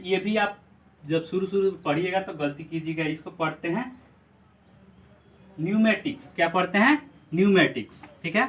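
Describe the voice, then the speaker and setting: A man's voice: high voice, fairly bright tone. A man teaching English pronunciation in Hindi, spelling words letter by letter and asking repeated quiz questions. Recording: slightly distant mic, faint background noise.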